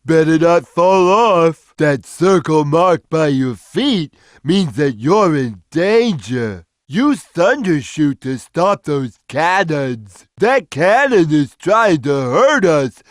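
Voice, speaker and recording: A man voicing a big, gentle, slow-witted cat in a video game, with a simple, childlike, drawn-out delivery. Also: on the high side, big pitch swings, dry recording. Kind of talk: video game character voice lines.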